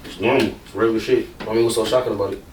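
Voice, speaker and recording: A man's voice: fairly low pitch, steady tone, rapid-fire, roomy sound, distant mic, slight background noise. A man, a rapper, talking casually and bluntly in an interview, rambling and swearing freely.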